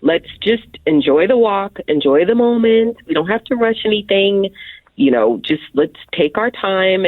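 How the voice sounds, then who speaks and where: A woman speaking over a phone line as a guest on a radio show, talking in a hesitant, halting way with frequent restarts. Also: fairly low pitch, dry recording. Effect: heard over a phone line. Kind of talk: casual phone conversation.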